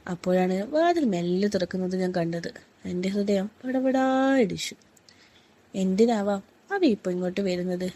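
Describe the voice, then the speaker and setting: A woman reading a first-person story aloud in a soft, unhurried, intimate way. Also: medium pitch, lively intonation.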